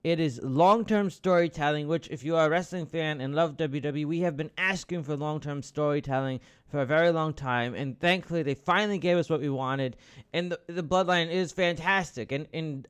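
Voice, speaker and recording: A man hosting a podcast in casual, rambling chat, with frequent restarts and the occasional curse. His voice is fairly high and comes across smooth and resonant. He keeps jumping into loud, excited outbursts. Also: normal speed. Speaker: podcast host. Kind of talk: casual wrestling commentary.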